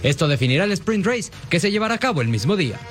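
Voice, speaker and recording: A man's voice: high-pitched, sing-song, quick pace, a bit bright. A man reading scripted sports news narration as a reporter. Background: background music.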